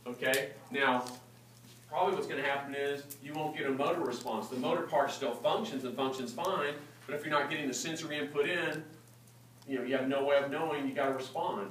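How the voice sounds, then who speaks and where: A man's voice: mid-range voice, brisk, fairly bright tone, distant mic, a little hiss or hum. Casual man lecturing in an echoey hall. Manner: casual and joking, keeps checking understanding with "okay?". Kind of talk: classroom lecture with student questions. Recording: echoey room recorded from afar.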